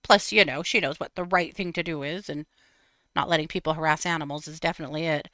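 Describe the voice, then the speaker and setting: Woman, fifties, casual host, bright voice, animated pitch, dry close sound, laughs a lot. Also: quick pace, no echo. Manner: chatty, laughs often, animated storytelling. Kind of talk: casual storytelling chat.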